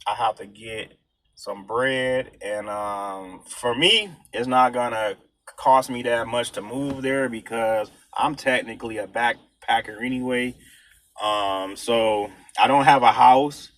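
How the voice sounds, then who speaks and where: Slow-talking man, casual and slangy. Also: medium pitch, steady tone, a bit bright, no echo. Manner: slangy, street talk. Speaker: vlogger. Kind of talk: casual rambling monologue.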